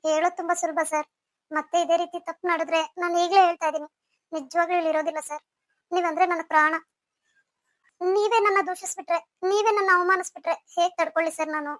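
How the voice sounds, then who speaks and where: A woman's voice: very high-pitched, steady tone, fast, fairly bright tone, dry recording, clean studio sound. A woman voicing a young female student and wife in a cartoon, talking in an earnest, polite, reproachful way. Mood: hurt. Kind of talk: cartoon voice acting.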